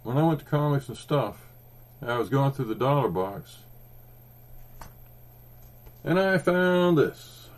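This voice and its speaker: In a medium-pitched voice with lively intonation, an Oklahoma-accented man in his fifties talks slowly and leaves long pauses. He's co-hosting a podcast, casually rambling about comics with ums and restarts.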